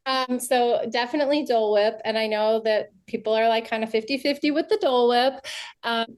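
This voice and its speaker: A woman's voice: fairly high pitch, brisk, a little mellow. An older woman, a podcast guest, talking earnestly and reflectively over a video call, with frequent restarts. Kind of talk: casual podcast interview.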